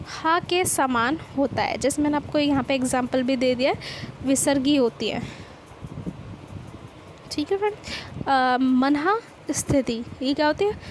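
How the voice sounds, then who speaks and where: High-voiced woman teaching a grammar lesson. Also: slight background noise, rough recording. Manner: explanatory, repeats questions to students.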